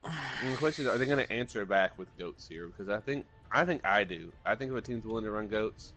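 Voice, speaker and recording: A man's voice: lowish voice, expressive, fast, fairly bright tone. A man giving color commentary on an esports match, thinking aloud and sharing opinions. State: just woke up. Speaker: esports analyst.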